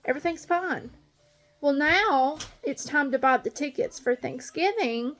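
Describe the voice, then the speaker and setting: A woman with a noticeably high voice vents in a casual vlog monologue. She talks bluntly and angrily, ranting at length as a fed-up stepmom. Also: animated, unhurried, a bit bright. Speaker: stepmom vlogger.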